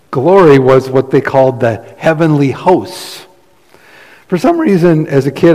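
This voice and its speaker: Slow, emphatic male preacher in a reverberant hall. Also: mid-range voice, darkish tone. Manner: earnest, emphatic preaching with shifting volume. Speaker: pastor. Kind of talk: sermon. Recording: long reverb of a church hall.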